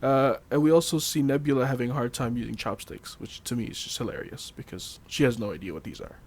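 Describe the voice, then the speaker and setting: A man's voice: mid-range voice, fast talker, a little mellow. A man hosting a casual chat, reading trivia notes loosely with fillers, laughs and the odd swear. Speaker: podcast host.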